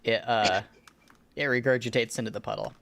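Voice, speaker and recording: A man narrating a tabletop role-playing game as game master, describing scenes in a halting, improvised way. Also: medium pitch, steady tone, gravelly, a bit bright, slight background noise.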